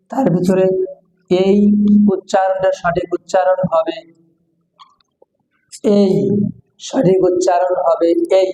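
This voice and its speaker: A man's voice: sits high, mellow, dull audio. A man with a Bangladeshi accent giving an English pronunciation lecture, drilling each sound by saying it several times. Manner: slow, repeats words several times for drill. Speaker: English teacher. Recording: echoey hall with long reverb.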